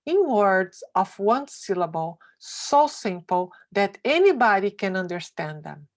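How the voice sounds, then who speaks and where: A woman reads a success essay aloud, slow and emphatic, her pitch swinging widely as she delivers the motivational text expressively.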